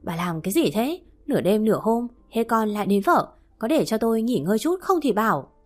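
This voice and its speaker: A woman's voice: fairly high pitch, sing-song, brisk, darkish tone. A woman voicing a short-tempered middle-aged father who scolds his family. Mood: irritated. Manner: scolding, gruff.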